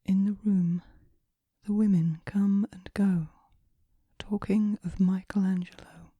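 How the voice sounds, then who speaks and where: Whispering breathily to help listeners relax, a woman recites poems in a medium-pitched voice that stays steady and barely rises or falls. Her pace is unhurried and gentle, her tone extremely soft and dark, recorded up close with no room sound.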